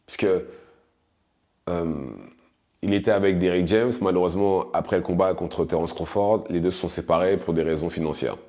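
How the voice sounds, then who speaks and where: Male boxing commentator, deep voice, casual hesitant delivery with restarts. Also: fairly even intonation, normal speed, a little mellow. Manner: hesitant, many restarts and fillers, conversational. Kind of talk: casual spoken analysis.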